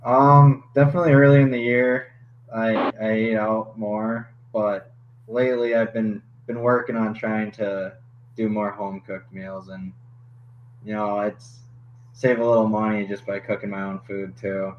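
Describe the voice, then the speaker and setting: Laid-back young goalie, low voice. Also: male voice, little pitch movement. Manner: laid-back, laughs often, halting restarts. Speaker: hockey goalie guest. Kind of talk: casual podcast chat. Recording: slightly dull podcast audio with faint noise.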